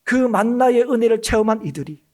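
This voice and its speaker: A man preaches a Sunday sermon in a church sanctuary. He talks fast, with a widely swinging pitch, and keeps calling out to his listeners with emphatic questions. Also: lively intonation, a little mellow. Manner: emphatic, often addresses the congregation. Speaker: pastor.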